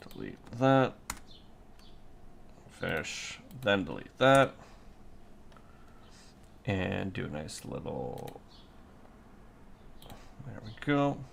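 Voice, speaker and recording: A man's voice: lowish voice, sing-song, extremely slow, creaky, long pauses, fairly bright tone, slight background noise. A sleepy man thinking aloud as he works through a 3D design on his computer. He mutters to himself and repeats little words over and over. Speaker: designer working through a 3D model.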